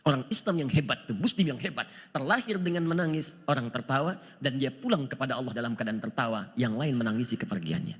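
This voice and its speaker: A male Islamic preacher giving a sermon to a live audience, animated, asking rhetorical questions and quoting scripture in Arabic. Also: mid-range voice, fast, hardly any pauses, slightly rough. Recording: long hall reverb.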